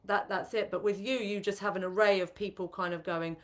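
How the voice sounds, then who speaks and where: A woman's voice: medium pitch, fairly even intonation, a little fast. A woman co-hosting a casual live-stream chat, talking loosely with lots of fillers and restarts. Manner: chatty, many fillers and restarts. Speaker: co-host, retreat facilitator.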